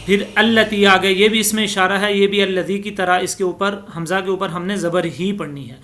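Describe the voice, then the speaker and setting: A man teaching Quran recitation, explaining pronunciation rules and chanting each verse slowly. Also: high voice, steady tone, bright, forceful tone. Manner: slow explanatory teaching, recites verses in drawn-out melodic style.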